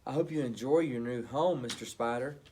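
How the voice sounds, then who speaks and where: A man reading aloud from a storybook, voicing a curious, brave young girl who speaks eagerly and excitedly. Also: medium pitch, fairly quick, slight background noise, lightly acted.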